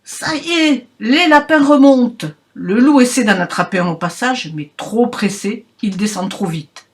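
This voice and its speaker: A woman reads a children's picture book aloud with playful expression. She takes it slowly, in a fairly high voice. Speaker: reader. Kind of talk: children's storybook reading.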